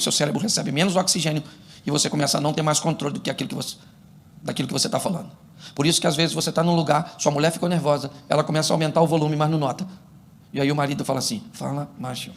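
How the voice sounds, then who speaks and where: A middle-aged Brazilian man, a pastor, preaching a humorous sermon and acting out couples' arguments in an animated way. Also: fairly high pitch, rapid-fire, gravelly. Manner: animated, acts out couples' quarrels for laughs.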